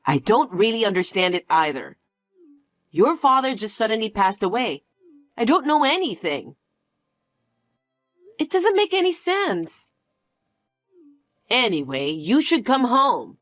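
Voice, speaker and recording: A woman's voice: on the high side, big pitch swings, a little slow, pauses often, fairly bright tone, no room sound, faint music behind. A woman voicing an anxious, pushy middle-aged mother in a dramatized story narration, sounding frantic and guilt-tripping.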